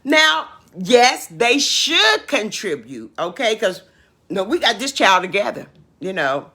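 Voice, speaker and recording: A woman's voice: mid-range voice, big pitch swings, slow, bright, forceful tone, husky. A woman hosting a casual opinion livestream, reading viewer comments aloud and answering them emphatically, often repeating her points and asking questions.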